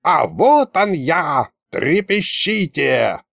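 A man puts on a creaky, gloating storybook ghost, a furry ball of a creature full of boastful menace. He drags out his threats slowly, with a lively, swooping pitch, recorded close and dry. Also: no room sound, exaggerated voice. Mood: menacing.

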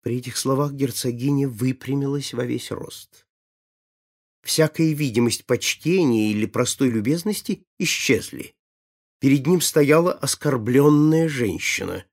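Male narrator, husky, mid pitch, measured literary reading. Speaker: audiobook narrator.

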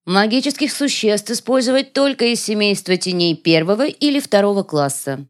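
Icy commanding elf queen, a guy putting on a higher voice, calm and cold, audiobook. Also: normal speed. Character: cold imperious dark elf queen, ageless matriarch. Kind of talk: audiobook character voicing.

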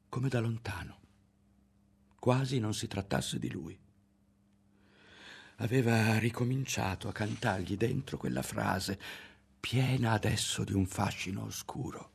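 A man giving a literary audiobook narration in a measured, dramatic reading. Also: lowish voice, vocal fry, slightly rough. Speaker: audiobook reader.

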